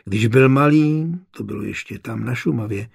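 A male narrator reads a historical novel in a measured, steady way. His voice is gravelly with a husky edge, pitched in the middle range for a man. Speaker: audiobook narrator.

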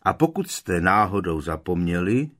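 A man's voice: sits low, big pitch swings, fairly bright tone. A man voicing a grieving young wizard, recounting events in an urgent, strained way. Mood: earnest.

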